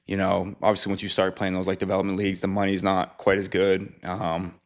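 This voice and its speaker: A young man with a very low, flat voice talks quickly and casually about his career. He sounds relaxed and easygoing and laughs readily. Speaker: former football player and trainer. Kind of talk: casual interview answers.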